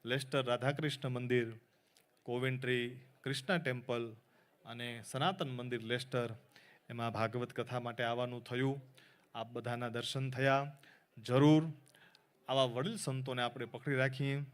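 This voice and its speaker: A man's voice: medium pitch, level tone, normal speed. A man with a Gujarati accent preaching to a temple audience, telling a story with acted-out dialogue and English phrases mixed in. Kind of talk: Gujarati religious discourse with storytelling. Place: temple hall before an audience.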